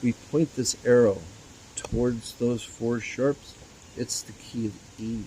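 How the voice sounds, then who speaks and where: A man's voice: medium pitch, fairly even intonation, takes it slowly, warm tone, a little hiss or hum, rough recording. A man, an inventor, demonstrating his music teaching tool in a folksy, rambling way with fillers and stammers. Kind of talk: explanatory demo in an interview.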